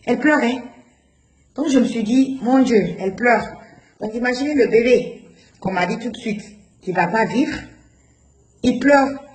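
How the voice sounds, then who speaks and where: A woman's voice: fairly high pitch, measured pace, pauses often. A woman tells a personal story with emotion and acts out the voices of the people in it. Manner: animated, acts out the dialogue of others. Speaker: guest recounting a personal experience. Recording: roomy with faint background noise.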